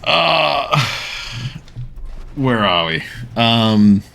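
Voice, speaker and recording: A man streaming a video game live, talking casually and answering his chat with frequent pauses to think. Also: medium pitch, big pitch swings, gravelly, a bit bright, soft background music. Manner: responds to chat messages, pausing often to think.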